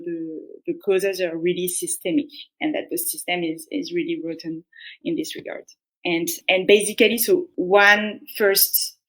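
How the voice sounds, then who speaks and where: A young woman with a French accent and a rather low voice appears as a guest economist on a podcast interview, explaining earnestly and patiently. She restarts often and says "like" a lot, and the audio is poor.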